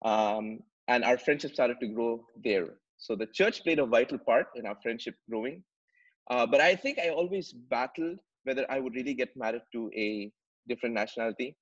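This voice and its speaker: This Dubai man in his thirties has a mid-range voice at a moderate pace. As a podcast guest on a video call, he earnestly recounts his story in a conversational way, frequently repeating words as he hunts for the right phrasing. The audio is slightly muffled, and he sits in a home room with plants and shelves.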